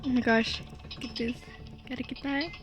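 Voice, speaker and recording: A young-sounding gamer with a high, childlike voice strained from yelling, giving excited horror game commentary that swings between hushed muttering and screaming. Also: normal speed. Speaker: gamer narrating own play.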